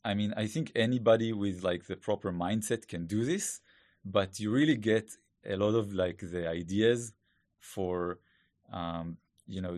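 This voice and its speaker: A Hebrew-speaking man with an Israeli accent appears as a podcast guest, talking thoughtfully and casually with lots of fillers and restarts, like a relaxed interview. His voice is lowish and a little mellow, captured in a studio with no room sound.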